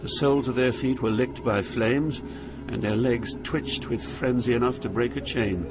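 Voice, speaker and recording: A man at medium pitch and moderate pace, sounding close to his everyday voice, performs dramatized literary narration over music. He portrays a poet pilgrim recounting his passage through hell, awed and fearful, with a solemn, theatrical air of dread.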